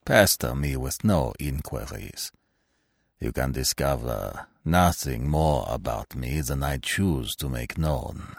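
A man's voice: sits low, animated, takes it slowly, dry recording, full character voice. A man voicing a dry, secretive old stranger. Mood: cold, commanding. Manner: dry, curt, commanding. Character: mysterious stern male stranger, testy and secretive. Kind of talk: audiobook reading of a classic tale.

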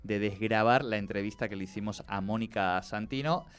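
A radio host chats in a rambling way on his talk show, restarting words and laughing often. He has a lowish, clean-toned voice and talks a little fast.

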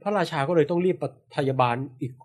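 A man's voice: a little high, fast talker, a little mellow. A man telling a folk tale on a casual podcast, acting out screams and sound effects as he goes. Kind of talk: casual storytelling.

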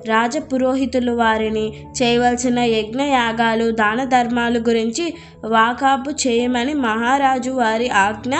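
A woman's voice: a little high, steady tone, unhurried, faint music behind, lightly acted. A woman reading the lines of a male royal minister formally addressing a crowd in a story.

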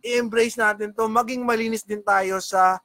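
A man's voice: high-pitched, steady tone, normal speed, sharp tone. A married man co-hosting a casual podcast, bantering and greeting viewers, often trailing off mid-sentence. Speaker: podcast co-host. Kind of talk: casual chat.

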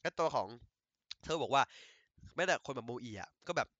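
A man excitedly retelling an anime episode in casual chat, laughing often and using crude slang. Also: medium pitch, moderate pace, dry recording, highs cut off. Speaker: anime recap host.

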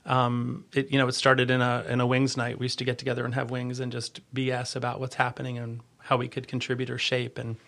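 A man giving a conversational podcast interview as an agency leader, earnest and halting, often rephrasing as he goes. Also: medium pitch, monotone, creaky, fairly bright tone.

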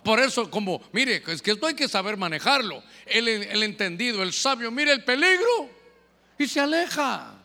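A male pastor preaches with animation and keeps turning questions on his congregation. His voice sits high and sounds bright and forceful. It carries a long echo from a church hall. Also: sing-song, moderate pace. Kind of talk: sermon.

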